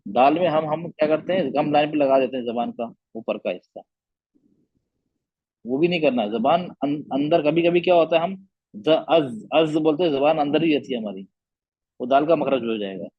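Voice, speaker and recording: A man's voice: a little high, moderate pace, slightly rough, dry recording, lo-fi sound. A man teaching Quran recitation in an online class, patiently repeating letter sounds and checking whether his students understood.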